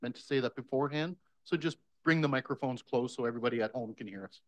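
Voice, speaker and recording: A man, the mayor, chairing a formal council meeting at a desk microphone in a council chamber, brisk and procedural. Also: mid-range voice, dry recording, dull audio.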